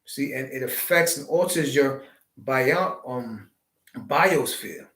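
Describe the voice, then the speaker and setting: A man's voice: medium pitch, lively intonation, slow pace, fairly bright tone. A man hosting a live stream, giving a preachy spiritual monologue full of wordplay and rhetorical questions. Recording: roomy echo.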